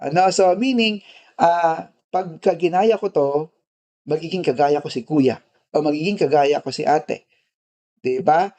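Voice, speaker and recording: Filipino-accented male nursing lecturer, higher pitch, chatty, keeps checking in with his students. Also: a little slow, mellow. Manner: tags nearly every phrase with "di ba" and "no"; switches constantly between Filipino and English. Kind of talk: casual classroom lecture.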